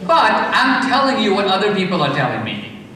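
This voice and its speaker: A man from India lectures emphatically, firing rhetorical questions and counting points off one by one. His voice is bright and a little high. He sounds distant, caught in a long hall reverb. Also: wildly swooping pitch, fairly quick, slight background noise. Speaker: speaker. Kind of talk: lecture-style commentary. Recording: echoey hall, far from mic.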